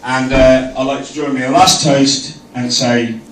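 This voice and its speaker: Giving a jokey, informal best man toast full of comic rhyming verse, a man projects to the room in a flat, fairly bright mid-range voice at a normal speed. Faint music plays behind him, and the distant mic catches an echoey room.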